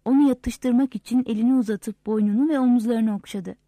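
A woman narrating a novel aloud in a steady, measured storytelling manner. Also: on the high side, no room sound. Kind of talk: audiobook narration.

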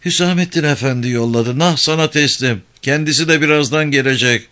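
A man's voice: fairly high pitch, brisk, pushed and bright, pitched above the performer's own voice. A man doing a curt young village boy. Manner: short, clipped answers.

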